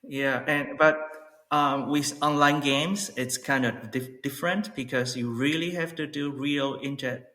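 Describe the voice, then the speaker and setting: A man in his forties from Taiwan, a native Mandarin speaker, chatting as a podcast guest in a relaxed way with many fillers. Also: mid-range voice, a little slow. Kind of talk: casual interview chat. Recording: echoey room.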